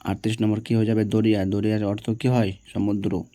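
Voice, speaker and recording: A man's voice: on the low side, flat delivery, fairly quick, dark tone, no echo. A man teaching, working through exam answers one by one and often checking with his students. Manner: reads each question, answers it, checks with "ঠিক আছে?".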